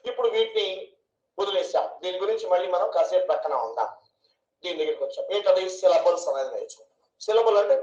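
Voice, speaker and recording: Male teacher, high voice, patient questioning delivery; roomy, muffled lo-fi recording. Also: darkish tone. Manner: slow, questioning, drawing out each syllable. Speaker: English grammar teacher. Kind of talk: online classroom lesson. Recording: echoey room, dull lo-fi sound.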